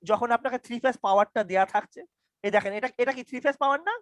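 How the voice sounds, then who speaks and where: A man's voice: very high-pitched, very fast, no room sound. A young man teaching an online university lecture over a video call. He stammers, repeats his questions and quizzes his students. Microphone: computer mic on a video call.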